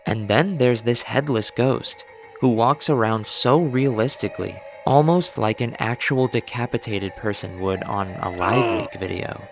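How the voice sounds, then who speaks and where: A man delivering scripted video essay narration as a game reviewer, deadpan and mock-grave with dramatic overstatement. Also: mid-range voice, unhurried. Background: music.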